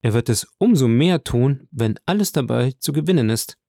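A man voicing a proud aristocratic woman who asks quick, teasing questions, read as an audiobook figure. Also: medium pitch, animated, vocal fry, dark tone, dry recording, studio quality. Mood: lively.

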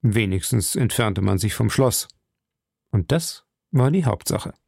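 A man narrates an old adventure novel with slow, measured care. His voice carries a gravelly fry at a medium pitch. The recording is dry and close, with no room sound. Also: animated, darkish tone, no echo. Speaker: audiobook narrator. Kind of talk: scripted narration.

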